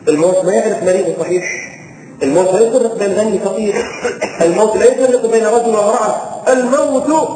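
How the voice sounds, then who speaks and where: Preacher, high-pitched voice, emotional sermon storytelling, recorded in an echoey hall with faint hiss. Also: male voice. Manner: emotional, swings from hushed to impassioned; chants verse and Quran slowly.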